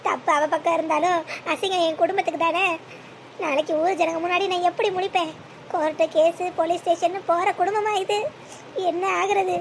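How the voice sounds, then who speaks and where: Cartoon part: a woman plays a self-pitying old mother-in-law, shrill and high-pitched, with a noisy track behind. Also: steady tone, brisk. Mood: lamenting. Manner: lamenting, self-pitying wails. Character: elderly village mother-in-law, wailing over family shame. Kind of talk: Tamil cartoon dubbing.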